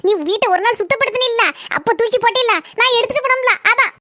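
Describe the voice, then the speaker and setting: A woman's voice: extremely high pitch, steady tone, fast talker, pushed and bright, a little hiss or hum. A woman voicing a gossipy, exaggerating village housewife in a cartoon, with a southern Tamil Nadu village dialect. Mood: gossiping. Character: gossiping village housewife complaining about in-laws. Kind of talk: cartoon voice acting.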